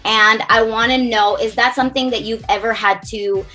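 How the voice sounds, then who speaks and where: A woman's voice: a little high, fairly even intonation, normal speed, pushed and bright, faint music behind. A woman hosting an entertainment interview, asking questions in a chatty, upbeat way. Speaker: interview host.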